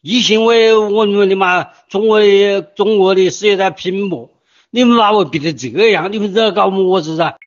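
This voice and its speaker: High-pitched and at a normal speed, an older man near retirement with a Wuhan accent leaves informal voice messages in a group chat. He sounds distraught and agitated, pleading and warning insistently and repeating himself. The phone messages are muffled and lo-fi.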